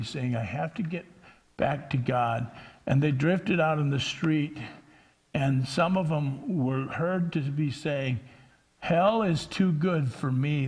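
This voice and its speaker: A pastor preaching a sermon, emphatic, swinging between loud scripture quotations and quiet asides. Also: male voice, mid-range voice, creaky, husky.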